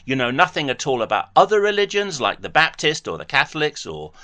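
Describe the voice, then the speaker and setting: A man's voice: a little high, wildly swooping pitch, fairly quick, sharp tone. A man hosting a heated debate with a caller, pressing him with references. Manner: pressing, argumentative, quotes references.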